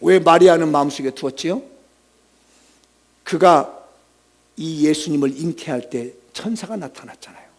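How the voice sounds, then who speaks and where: A male pastor preaching a Sunday sermon dramatically, moving between shouted emphasis and hushed lines and putting rhetorical questions to the congregation. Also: a little high, moderate pace, long pauses.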